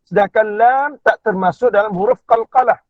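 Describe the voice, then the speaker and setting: A man with a Malaysian Malay accent teaching a Quran recitation class online from inside a car. He keeps checking in with his listeners and slowly drawls out recited words as examples. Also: high voice, dry recording. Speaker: religious teacher. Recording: tinny phone-line audio, dry.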